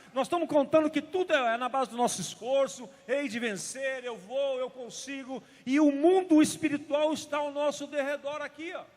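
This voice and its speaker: A man preaching at a church service, telling a personal story emphatically and dropping to hushed tones for drama. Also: extremely high pitch. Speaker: pastor. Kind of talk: sermon. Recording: reverberant church hall.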